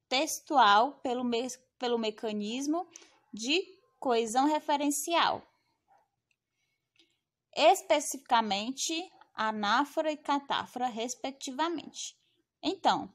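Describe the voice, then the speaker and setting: Slow, patient Brazilian woman teacher. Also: sits high, fairly bright tone. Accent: Brazilian Portuguese. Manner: patient, explaining step by step with frequent tag questions. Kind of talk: recorded grammar lesson.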